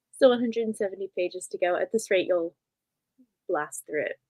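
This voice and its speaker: A woman's voice: medium pitch, moderate pace, warm tone, no room sound. A young woman chatting casually as co-host of a reading livestream, giggling often and reading out viewer comments.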